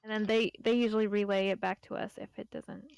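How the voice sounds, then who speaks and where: A woman with a smooth, clear voice of average pitch, in a very dry recording. She leads an informal online meeting as an admin, explaining in a halting, conversational way. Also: little pitch movement, darkish tone, no echo. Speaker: admin leading an online game community meeting.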